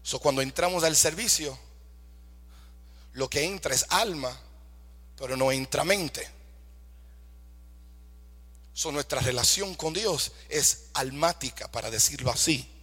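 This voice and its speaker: A man's voice: fairly high pitch, measured pace, long pauses, sharp tone, breathy edge, in a large hall. A man preaching a fervent sermon, asking rhetorical questions, calling for amens and mixing English phrases into his Spanish.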